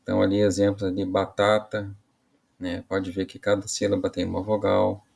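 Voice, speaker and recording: A man's voice: low voice, completely flat delivery, vocal fry, darkish tone, breathy edge. A man teaching an online Portuguese grammar lesson, explaining casually, often ending phrases with tag questions and restarting mid-sentence. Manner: casual explaining with frequent "né" and "tá" tags; halting restarts while explaining.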